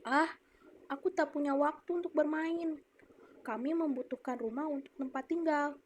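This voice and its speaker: A busy young man explains himself and asks for help in an earnest, questioning tone, as a woman reads the storybook aloud. The voice sits a little higher than plain speech. Faint noise lies behind it. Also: fairly even intonation, normal speed, close to an everyday voice.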